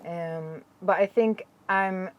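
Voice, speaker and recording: Low-voiced Swedish woman, chatty. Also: slow pace, lo-fi sound. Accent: Swedish with Jamaican patois touches. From Sweden. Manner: chatty, laughs easily, animated storytelling. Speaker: dancehall artist. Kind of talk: casual interview answers.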